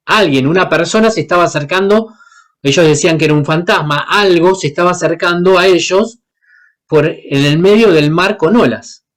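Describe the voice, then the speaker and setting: A man's voice: a little high, normal speed, fairly bright tone. A man from Paraguay, preaching a sermon and asking the congregation questions as he acts out the Bible characters. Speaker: guest preacher.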